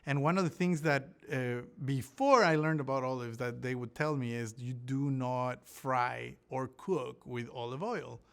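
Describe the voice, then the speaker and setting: Man from Ecuador, smooth voice, halting. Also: medium pitch. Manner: thoughtful, many restarts and fillers. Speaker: olive researcher. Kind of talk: interview answers.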